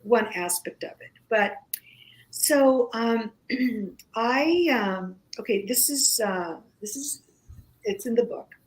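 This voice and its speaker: Guesting on a casual radio conversation, this woman, whose native language is Greek, speaks in a slow, halting way, often pausing and starting over. She has a fairly high, expressive voice, captured in a low-quality recording.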